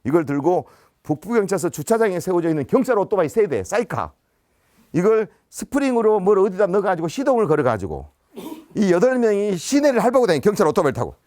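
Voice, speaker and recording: A man's voice: sits high, sing-song, quick pace, a little mellow, no echo, studio quality. A man, a teacher, giving a storytelling lecture and animatedly acting out dialogue. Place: business center lecture.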